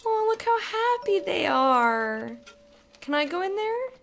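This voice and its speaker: A woman gives casual game commentary in a high voice at a slow pace. She is gushing and sentimental, talking as a streamer over faint background noise. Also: very animated, creaky, fairly bright tone. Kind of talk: casual live gameplay commentary.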